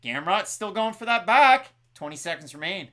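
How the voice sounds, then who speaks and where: Lively bright-voiced man calling fights. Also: sits high, moderate pace. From Canada. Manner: excitable play-by-play calling, reads out fan scores. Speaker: co-host. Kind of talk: live fight watch-along commentary.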